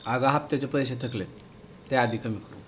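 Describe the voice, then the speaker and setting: An actor playing a blunt husband worried about unpaid installments. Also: male voice, medium pitch, a little fast, a little hiss or hum, natural voice. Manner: curt, dismissive. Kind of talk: film drama.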